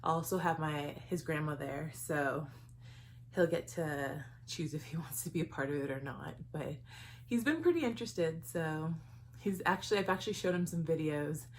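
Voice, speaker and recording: A young woman talks through a relaxed vlog in a low, steady voice. She sounds a little out of breath, laughs softly between thoughts and often fills her pauses with um. Faint noise sits under the recording. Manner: chatty, giggly, with many ums. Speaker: vlogger. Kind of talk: casual pregnancy vlog.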